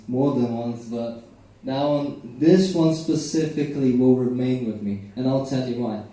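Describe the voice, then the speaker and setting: A young Brazilian man, Portuguese his first language, rambles through a self-mocking open mic set. His voice is dark and mellow, and it sounds heavily echoey, caught from a distance in the venue. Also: medium pitch. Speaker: stand-up comedian. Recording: echoey room, from far off.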